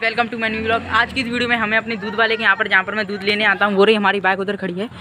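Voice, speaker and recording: A man's voice: high voice, completely flat delivery, fast, loud music behind the voice. A teenage boy with a Hindi accent chatting casually in a vlog, filming on a phone at arm's length, often calling out to "guys". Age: teens. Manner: chatty, keeps saying "guys". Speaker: vlogger. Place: home room and outdoors on a motorbike. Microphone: phone camera held at arm's length.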